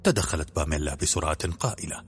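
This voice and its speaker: A man reads an audiobook in a very deep, husky voice. He narrates fast and briskly, steady and even.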